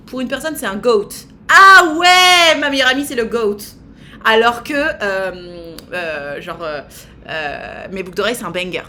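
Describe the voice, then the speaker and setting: A woman in her thirties hosts a live stream, chatting and teasing her viewers with plenty of fillers. Her voice sits a little high. A faint hiss runs beneath it. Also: expressive, a little slow, bright, forceful tone. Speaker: streamer host. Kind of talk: casual live-stream chat.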